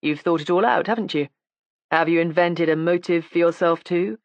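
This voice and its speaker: A woman's voice: fairly low pitch, normal speed, no echo, highs cut off, lightly acted. A cool, intimidating male police inspector in an audiobook, clipped and ironic. A woman reader voices him close to her own voice, in a dry, close-miked recording. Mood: stern. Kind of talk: audiobook character voice.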